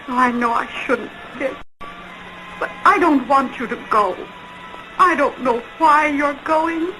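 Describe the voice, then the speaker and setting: A woman playing an anguished, lovelorn woman in an early talkie film melodrama, pleading in halting, drawn-out phrases. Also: high-pitched, heavily acted, low-quality recording. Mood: anxious pleading. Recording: 1920s film soundtrack with loud music.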